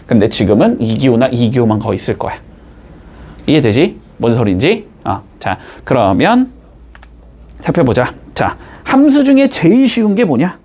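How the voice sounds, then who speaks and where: A man teaching a math class, explaining step by step and checking in with his students with quick rising tags. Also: medium pitch, big pitch swings, darkish tone. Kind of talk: classroom lecture.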